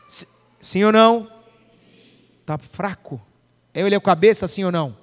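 A man preaches in a strikingly high voice, throwing questions at his congregation and waiting for answers. His voice rings with long reverb through a church hall. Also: a bit bright. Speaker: pastor. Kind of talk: sermon.

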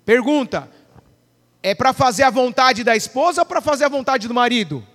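A man preaches in a strikingly high voice, throwing questions at his congregation and waiting for answers. His voice rings with long reverb through a church hall. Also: expressive, normal speed, a bit bright. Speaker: pastor. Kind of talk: sermon.

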